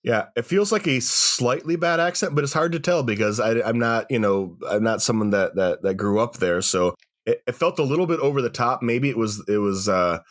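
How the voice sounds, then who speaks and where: A man's voice: medium pitch, lively intonation, brisk. An American man chatting casually on a podcast, rambling and self-deprecating. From United States. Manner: rambling, self-deprecating, laughs at own jokes. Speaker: podcast co-host. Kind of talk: casual chat.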